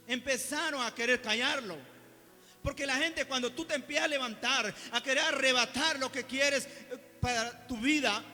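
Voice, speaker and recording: Fervent high-voiced male preacher in a hall. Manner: swings between soft, quiet asides and loud, fervent exhortation. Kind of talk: sermon. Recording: reverberant hall with soft music behind.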